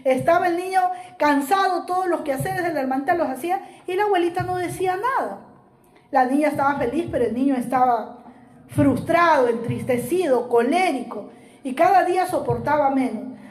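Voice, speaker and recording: A woman's voice: high-pitched, fairly quick, a little mellow. A woman giving a sermon in Spanish, telling a story expressively before turning it into a lesson for her congregation. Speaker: preacher. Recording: roomy echo.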